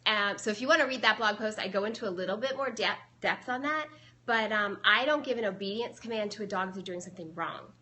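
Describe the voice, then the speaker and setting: A woman's voice: mid-range voice, pushed and bright. A young adult woman, a dog trainer, casually explaining her methods on a live stream and answering viewers, chatty with many fillers.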